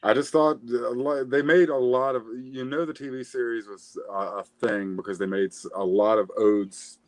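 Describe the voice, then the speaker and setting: A man co-hosts a casual movie review podcast, rambling and correcting himself with many fillers and restarts. His voice is medium-pitched with fairly even intonation, he speaks at normal speed, and there is no room sound.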